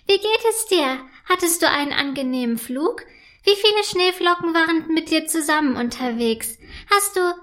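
A woman voicing an excitable female ice elf in a children's storybook, high and bubbly, with eager chatter. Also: normal speed. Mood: excited. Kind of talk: storybook reading.

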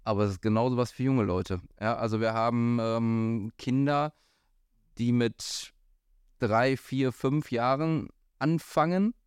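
A man's voice: mid-range voice, measured pace, clear, resonant tone, dry recording, clean studio sound. A man talking as a golf pro in a casual podcast chat, hesitant, with many fillers and restarts. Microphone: studio microphone.

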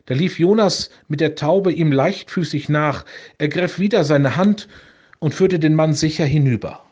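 Man, pastor, reading a legend aloud, calm, measured, rather high voice, muffled radio sound. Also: slightly rough.

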